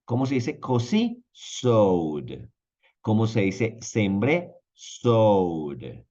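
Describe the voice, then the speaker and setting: A man's voice: mid-range voice, dull audio. A man teaching an online language lesson, explaining patiently and checking in with his viewers. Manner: lively, drawn-out teaching delivery with repeated check-ins. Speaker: English teacher.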